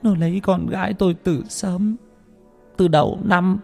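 A man's voice: high voice, fairly even intonation, a little slow, gravelly, pitched above the performer's own voice, full character voice. A trembling older father talks through tears in a raised, shaky voice, put on by a male narrator. His words come heavy and broken with grief. Faint music plays underneath the spoken story. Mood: grieving. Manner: tearful, shaky pleading. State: crying. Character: trembling grieving elderly father.

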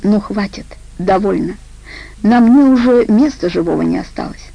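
Domineering woman boss, curt, harsh, commanding, gravelly, a woman voicing her in an audiobook. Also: medium pitch, normal speed, no echo, muffled recording. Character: domineering rude middle-aged woman boss.

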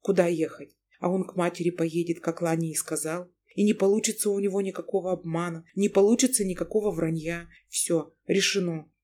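A woman narrating an audiobook in a measured, dramatic storytelling manner. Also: lowish voice, steady tone, warm tone. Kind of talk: audiobook reading.

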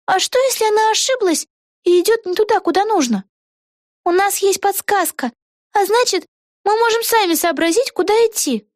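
A woman voicing an excitable young girl witch in a storybook, talking fast and exclaiming eagerly in a very high voice. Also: no room sound, clean studio sound. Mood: excited.

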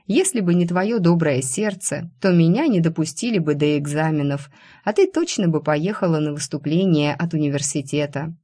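A woman's voice: sits low, animated, moderate pace, mellow. Woman voicing a wry, stubborn young dancer. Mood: pleading. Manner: wry, pleading. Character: stubborn young female dancer student, gravely ill.

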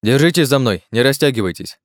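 A man voicing Oleg, a steady leader who gives short, commanding orders. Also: mid-range voice, quick pace, dry recording, clean studio sound, pitched above the performer's own voice, lightly acted. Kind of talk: audiobook character voice.

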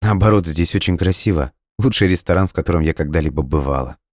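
A man's voice: sits low, quick pace, darkish tone, dry recording, clean studio sound. A man voicing a nervous, self-conscious young woman who speaks carefully. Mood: hesitant. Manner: hesitant, careful.

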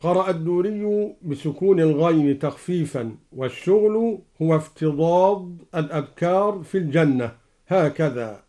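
A man explaining recitation variants in a measured religious lesson on a radio broadcast, speaking slowly and deliberately. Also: a little high, lively intonation, warm tone. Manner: slow, deliberate explanation between recited verses. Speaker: Quran radio scholar explaining readings. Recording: live broadcast from a Quran radio station.

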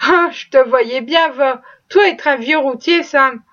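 A woman's voice: high voice, a little slow, fairly bright tone. A woman voicing a cheerful young male stable boy who teases his friend in a storybook reading. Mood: amused. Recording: dull lo-fi recording.

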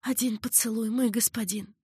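A woman's voice: on the high side, steady tone, moderate pace, warm tone, husky, no room sound, clean studio sound, voice pushed up. Woman doing a tearful pleading young concubine. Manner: pleading, emotional.

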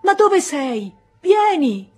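A woman voicing a jovial middle-aged country doctor and husband, chatty and loud when he calls out. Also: mid-range voice, expressive, normal speed, slightly rough, soft background music. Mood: calling. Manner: chatty, calling out loudly.

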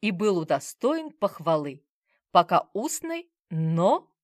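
A gruff, sardonic police investigator, read by a woman for an audiobook. His lines come out blunt and brisk with plenty of lift and swing in the pitch. The sound is close and dry. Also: big pitch swings, no room sound. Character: gruff middle-aged male police investigator. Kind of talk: audiobook character voice.

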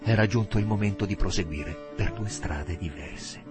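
A man narrating a novel aloud with expressive, dramatic phrasing. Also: on the low side, moderate pace, over music. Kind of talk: audiobook reading.

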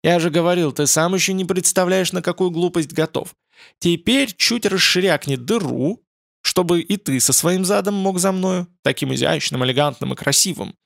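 A man's voice: high-pitched, moderate pace, gravelly, no echo, clean studio sound, pitched above the performer's own voice. A man reading an audiobook, voicing a cocky, teasing male fallen angel who mocks his student. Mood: boastful. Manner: teasing, boastful.

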